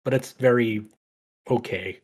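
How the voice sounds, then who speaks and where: A man's voice: mid-range voice, measured pace, a little mellow, husky. A man co-hosting a casual video game chat, blunt and swearing often, with lots of fillers. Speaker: podcast co-host reviewing games.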